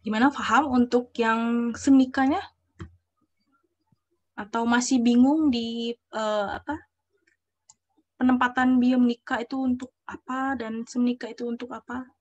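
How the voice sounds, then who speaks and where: A woman's voice: fairly high pitch, steady tone, a little slow, long pauses, a little mellow, lo-fi sound. A young woman teaching a language class over a video call. She explains step by step, checks often whether students follow, and reads out example phrases. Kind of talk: online class lesson.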